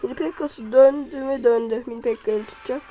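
A woman giving live commentary over her own gameplay, excitably cheering and scolding the units on screen. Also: a little high, brisk, faint music behind, rough recording. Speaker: gamer.

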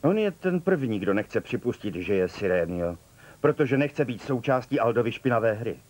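A man's voice: mid-range voice, very animated, a little mellow. A stern, cryptic older man. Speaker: dubbing actor. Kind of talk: dubbed telenovela acting.

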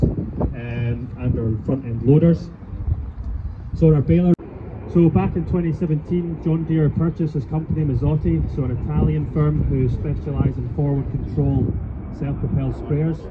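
A man's voice: fairly high pitch, steady tone, normal speed. A man presenting products factually and formally outdoors as a machinery company representative. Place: outdoors at an agricultural show. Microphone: handheld microphone through speaker, filmed from afar. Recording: tinny phone-like PA sound, clear outdoor noise.

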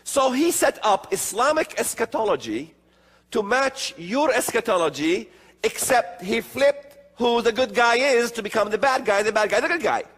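A middle-aged man from the Middle East giving a slow, emphatic lecture at a prophecy conference in a large hall with an audience. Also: very high-pitched, animated, a bit bright, breathy edge. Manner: slow emphatic delivery with gestures. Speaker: conference speaker. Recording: long hall reverb.

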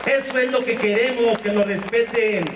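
Speaking into a handheld mic on an outdoor stage at a street rally, a middle-aged man with a Mexican Spanish accent delivers a crude, combative union speech and addresses the crowd as comrades. His very high voice keeps a steady tone at a moderate pace over a noisy background. Shot from the crowd, the amateur video captures the PA sound as distant, echoey and muffled.

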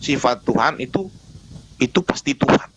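A man's voice: medium pitch, lively intonation, moderate pace, background noise. A man arguing his case in a live online debate, emphatic, repeating points and answering his own rhetorical questions.

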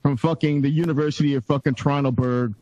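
High-ish voiced guy ranting, mocking and swearing a lot, trips over his words. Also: fairly even intonation, fast, darkish tone, no room sound, highs cut off. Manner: mocking, profane ranting with stammered restarts. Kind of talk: online call-in argument.

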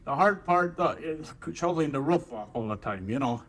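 A man with an Upper Peninsula Michigan accent giving a casual interview answer in a folksy, halting way. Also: a little high, expressive. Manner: folksy, halting, repeats "you know". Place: outdoors in snow.

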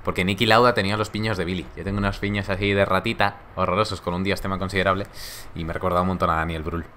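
A man's voice: deep voice, fairly even intonation, rapid-fire, sharp tone, a little hiss or hum. Joking young man streaming. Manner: laid-back, joking, laughs often. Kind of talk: casual live-stream chat reading viewer comments.

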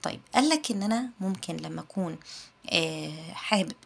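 A woman with an Egyptian Arabic accent teaching an English grammar lesson, patiently repeating her English example sentences slowly. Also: lowish voice, animated, gravelly, slight background noise.

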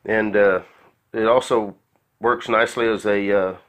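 A man's voice: fairly low pitch, fairly even intonation, a little slow, a bit bright. A man casually reviewing a tool in his garage, talking in a rambling, folksy way with plenty of fillers, recorded on a handheld phone. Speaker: home mechanic reviewing a tool. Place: garage with concrete floor.

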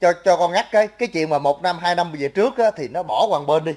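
High-voiced man asking questions. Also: animated, quick pace, a little mellow. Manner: polite, interrupting to steer questions. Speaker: interviewer. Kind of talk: casual interview.

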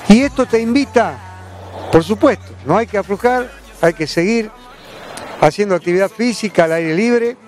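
A man's voice: high-pitched, normal speed, soft background music. A man in his forties with an Argentine accent, presenting a sports show outdoors, chatting straight to viewers with a handheld mic. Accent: Argentine Spanish. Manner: chatty, direct address to viewers. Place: outdoor park with trees. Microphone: handheld microphone.

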